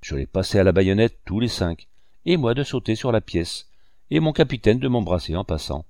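Low-voiced man reading a war memoir. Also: expressive, brisk, a little mellow, no echo, studio quality. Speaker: audiobook reader. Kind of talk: first-person memoir narration.

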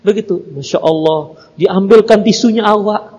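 A male preacher delivers an animated, humorous sermon, slipping into little acted exchanges. His voice sits very high. The recording carries the long reverb of a big hall. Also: moderate pace, husky, lo-fi sound. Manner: animated, joking, acts out little dialogues. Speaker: Islamic preacher.

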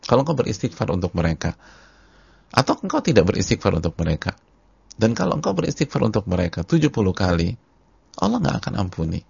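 A man's voice: lowish voice, big pitch swings, fast talker, gravelly, darkish tone, breathy edge, no room sound, highs cut off. A male Islamic preacher giving a sermon, repeating phrases for emphasis and addressing the congregation directly. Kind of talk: sermon on a hadith book.

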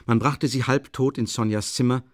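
A man reading a novel aloud as an audiobook narrator, in a measured storytelling manner. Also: medium pitch, fairly even intonation, dry recording, studio quality. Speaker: audiobook reader. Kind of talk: scripted narration.

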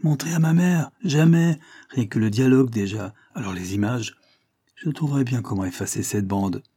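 A man voicing a stubborn, feisty blind teenage girl, emphatic and pitched up. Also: normal speed, mellow, husky, close to an everyday voice. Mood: defiant.

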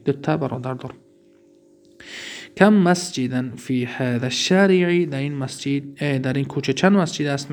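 A man with a Tajik accent teaching Arabic grammar in a recorded lesson, reading examples slowly and then explaining them quickly. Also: on the high side.

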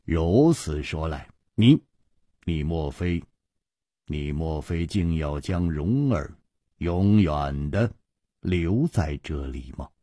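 A man voicing a proud male hero who is cornered but composed, speaking in a quiet, measured and resigned way, in a Chinese storytelling radio reading. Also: extremely low pitch, animated, no room sound, studio quality, pitched below the performer's own voice, exaggerated voice. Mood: grim.

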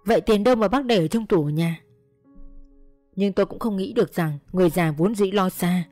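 A woman's voice: mid-range voice, fairly quick, warm tone, no room sound, faint music behind. Woman narrating a first-person story.

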